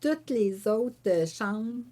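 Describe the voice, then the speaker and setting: A woman with a Québécois French accent, a painter and author telling a story in an interview. She acts out her own quoted remarks and fills pauses with "euh" and "tu sais.". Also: medium pitch. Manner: animated storyteller who voices her own quoted remarks, with frequent fillers. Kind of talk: conversational storytelling.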